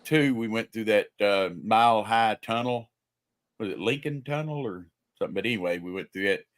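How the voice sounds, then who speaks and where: A man's voice: fairly low pitch, moderate pace, no echo. An older man, a grandfather, chatting casually and telling stories on a livestream. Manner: chatty storyteller. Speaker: livestream panelist. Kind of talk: casual chat.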